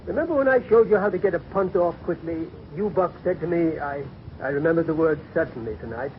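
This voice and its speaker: Man as a genial, higher-voiced parish priest. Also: a little fast, lightly acted. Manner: genial, well-spoken, gently teasing. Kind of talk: old-time radio drama acting. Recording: muffled, noisy old radio recording.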